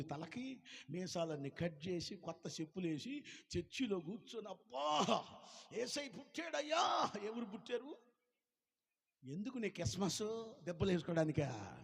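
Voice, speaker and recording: A man with a coastal Andhra Telugu accent preaching a sermon as pastor, dropping to quiet storytelling and rising to shouted calls at the congregation. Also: sits high, husky. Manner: swings from soft storytelling to shouted exhortation. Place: prayer hall. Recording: long hall reverb.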